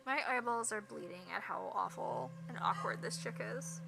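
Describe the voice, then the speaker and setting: A woman streamer giving animated, joking commentary while playing a game. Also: fairly high pitch, moderate pace, creaky, noisy background.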